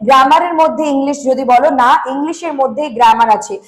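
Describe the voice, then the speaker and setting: Fast, high-voiced Bengali woman teacher. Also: rough recording. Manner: asks questions and answers them herself; repetitive, emphatic. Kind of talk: online exam-prep lesson.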